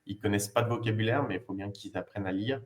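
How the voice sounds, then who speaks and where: Low voiced guy teacher walking thru game ideas on a call, lots of euh and bah. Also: racing. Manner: hesitant, many fillers, explains step by step. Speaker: language teacher presenting. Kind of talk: casual presentation and discussion.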